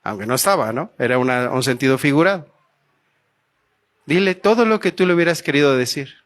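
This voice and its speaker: A man's voice: medium pitch, a little fast, a bit bright. A man with a Mexican Spanish accent preaching a sermon in church, telling a story and putting earnest questions to the congregation.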